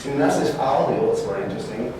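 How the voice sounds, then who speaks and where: A middle-aged man giving a conference presentation in halting English, searching for words and correcting himself. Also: mid-range voice, expressive. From Peru. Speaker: guest speaker, art faculty lecturer. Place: large brick-walled event room, indoors. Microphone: far room camera, no mic. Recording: very echoey room, distant mic, background noise.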